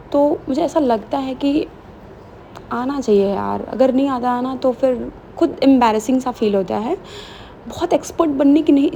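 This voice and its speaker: A woman's voice: fairly high pitch, warm tone, slight background noise. A young woman chatting casually in a vlog voice-over, slipping English phrases into her talk. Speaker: vlogger.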